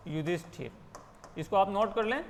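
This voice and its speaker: High-voiced Rajasthani man teaching grammar. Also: normal speed, in a large hall, a little hiss or hum. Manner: explains step by step, asking and answering his own questions. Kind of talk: Hindi grammar lesson.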